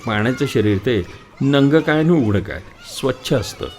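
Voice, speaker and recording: A man reading a literary story aloud in a measured, reflective storytelling manner. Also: medium pitch, expressive, a little mellow, slight background noise. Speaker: narrator, audiobook reader. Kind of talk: literary audiobook narration.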